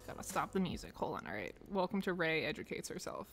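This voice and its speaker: A woman's voice: low voice, big pitch swings, quick pace, big-room sound, soft background music. Laughing American woman streaming. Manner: laughs often, self-deprecating. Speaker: streamer host. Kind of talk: casual live-stream chat. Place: office.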